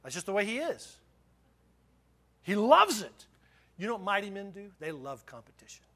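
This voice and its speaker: A man's voice: high voice, big pitch swings, normal speed, sharp tone. A middle-aged man preaching a sermon as pastor, impassioned, often repeating words and restarting his phrases.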